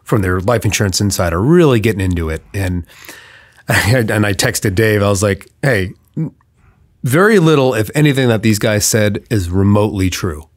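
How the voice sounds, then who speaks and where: A middle-aged man talking animatedly as a guest on a casual podcast, at a boom mic in a small office studio. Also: animated, normal speed, dry recording. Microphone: desk podcast mic on boom arm.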